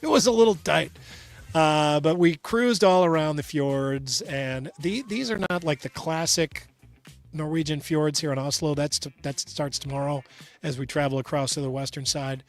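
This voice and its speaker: Male co-host, slightly high voice, rambling travel chat, soft music bed. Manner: rambling, halting restarts, chuckling. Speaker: radio co-host calling in from travel. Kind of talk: casual chat.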